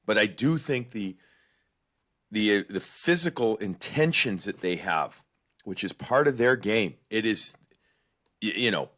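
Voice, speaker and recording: Man, sports podcast co-host, lowish voice, lively casual delivery. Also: unhurried, pauses often.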